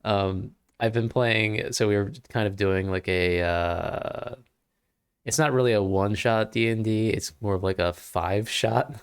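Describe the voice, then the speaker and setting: A man's voice: fairly low pitch, unhurried, clear, resonant tone. A man co-hosting a live game stream, talking easygoing and dry while he sets up the game capture. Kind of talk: casual chat.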